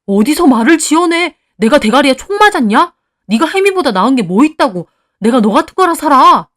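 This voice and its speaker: A woman's voice: high-pitched, big pitch swings, fairly quick, a bit bright, voice pushed up. A woman voicing a cheating husband who argues defensively and begs. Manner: pleading, defensive.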